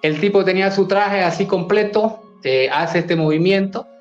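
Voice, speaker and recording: A man's voice: high voice, moderate pace, muffled recording, soft background music. A man from Bolivia, a doctor, earnestly recounting a strange personal experience in an interview, often hesitating and restarting words.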